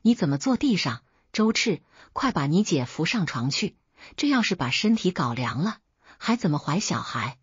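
A cold, impatient mother snaps and scolds in short bursts, as a woman reading the story puts her on. Her voice is very husky and rises and falls a lot. The sound is dull and lo-fi. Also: lowish voice, big pitch swings, normal speed, no room sound, full character voice. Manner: scolding, brusque. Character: harsh middle-aged mother, cold and impatient.

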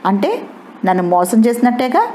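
A woman's voice: on the high side, big pitch swings, normal speed, dark tone, a little hiss or hum. A woman reading the lines of a jealous, wounded husband who asks strained, accusing questions.

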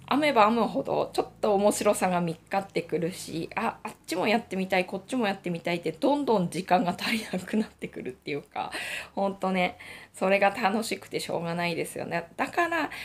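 A middle-aged woman hosts a casual radio-style chat about knitting. Her voice sits at an ordinary pitch with a gravelly edge. She talks in a loose, reflective way and often breaks into small laughs. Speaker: knitting channel host.

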